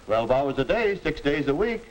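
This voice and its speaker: A man's voice: a little high, big pitch swings, moderate pace, lo-fi sound, a little hiss or hum. An actor playing a strict, hardworking old-time father who gives orders to his son, in 1950s educational film style. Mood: stern, scolding. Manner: commanding, gruffly strict.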